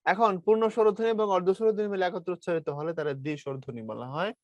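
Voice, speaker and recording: Young male tutor from Bangladesh, light Brahmanbaria accent, fairly high voice, dry close sound, patient step-by-step lecturing. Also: animated, very fast, darkish tone, no room sound, dull audio. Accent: Bangladeshi Bengali, Brahmanbaria region. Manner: explains step by step, calls students brother, models sounds aloud. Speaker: teacher. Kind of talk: online class lecture.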